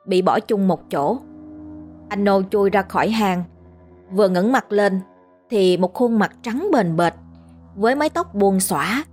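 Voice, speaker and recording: Female storyteller, measured ghost-story narration over faint background music. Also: mid-range voice.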